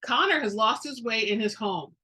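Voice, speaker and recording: A woman's voice: a little high, expressive, moderate pace, sharp tone, slightly rough. A woman giving a dramatic reading of a story, as an informal amateur narrator who now and then stumbles over a word. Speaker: reader of a romance fantasy novel.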